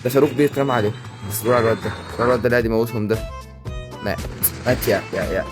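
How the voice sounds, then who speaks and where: A young man with an Egyptian Arabic accent giving casual, excitable commentary over a video game he is playing. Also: mid-range voice, music in the background. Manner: excitable, rapid banter and repeated exclamations. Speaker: gaming YouTuber.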